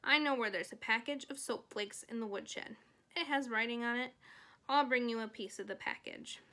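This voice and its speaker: A woman's voice: fairly high pitch, moderate pace, pushed and bright. A woman doing a grumpy, greedy rat. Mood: grumbling. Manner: grumpy, complaining. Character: grumbling, greedy male barn rat.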